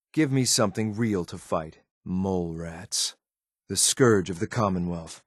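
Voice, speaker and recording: These video game companion lines come from a low-voiced male synth soldier, recorded close and dry. He is stern and dutiful, speaking in clipped, matter-of-fact military phrases, and sounds contemptuous of anything he considers beneath him.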